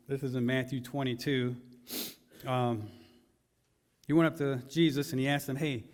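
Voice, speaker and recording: A man delivers a conversational sermon from a church stage, talking to the congregation in a laid-back way and asking them question after question. His voice sits at an ordinary middle pitch. A long reverb trails after every phrase, as in a large hall. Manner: casual, asks the congregation many questions. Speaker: pastor.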